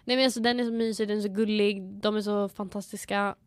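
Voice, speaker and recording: A woman's voice: mid-range voice, steady tone, smooth, no echo. Reflective young woman, dry close sound. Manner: warm, reflective, mixes in English phrases. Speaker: podcast co-host. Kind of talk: casual chat.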